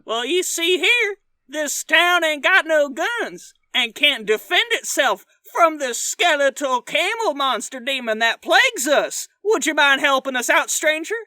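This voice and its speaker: A man's voice: extremely high pitch, very animated, measured pace, pushed and bright, no echo, voice pushed up, exaggerated voice. A man voicing a worried male saloon bartender in the old west, pleading in a wavering drawl.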